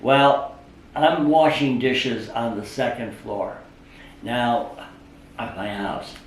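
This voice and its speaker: Older male storyteller in an interview, animated and fond of voicing quotes, mic set well back in an echoey room. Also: mid-range voice, takes it slowly. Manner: animated storyteller who acts out quoted speech, with frequent "uh" fillers. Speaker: psychic interviewee. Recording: roomy sound from a distant mic.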